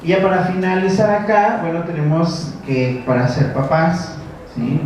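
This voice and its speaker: A man's voice: fairly high pitch, fairly even intonation, measured pace, darkish tone, slight background noise. A man with a Mexican accent, a teacher giving a talk to a parents' group, who keeps checking in with his listeners and acts out parents and children. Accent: Mexican Spanish. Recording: very echoey, distant, dull lo-fi room recording.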